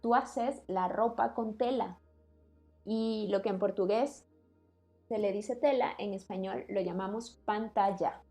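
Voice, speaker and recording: A woman's voice: medium pitch, a little slow, dark tone. Woman co-host, patient explainer, casual podcast talk, faint music behind. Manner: explanatory, laughs easily.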